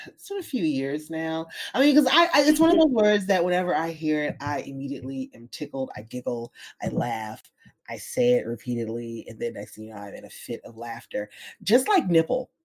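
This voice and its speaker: A woman's voice: sits low, big pitch swings, normal speed. A woman co-hosting a casual chat, playful and giggly, laughing often.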